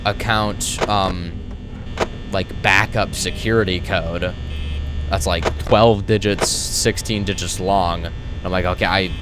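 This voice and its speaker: A young man with a low-pitched voice talks casually over a game. He rambles through stories in an exasperated manner, acting out both sides of exchanges. The recording has a clearly audible noisy hum behind him. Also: fairly even intonation, slow. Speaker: gaming video host. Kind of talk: casual rambling gameplay commentary.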